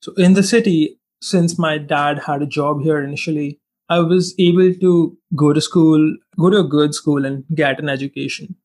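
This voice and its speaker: Speaking at normal speed in a voice on the high side, a Hindi-speaking Indian man in his twenties looks back on his past as a guest in a casual interview chat. He leans often on "like" and "you know."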